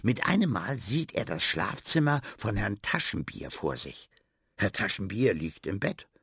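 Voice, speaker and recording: A man narrating a children's story in a lively storytelling manner. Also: lowish voice, a little slow, breathy edge, dry recording, clean studio sound.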